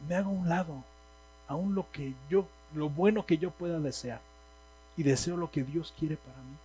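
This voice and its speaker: Mexican male preacher, emphatic, a bit high-pitched, faint hum on the recording. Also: normal speed, warm tone, rough recording. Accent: Mexican Spanish. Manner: emphatic, asks the congregation questions. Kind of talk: sermon. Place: church hall.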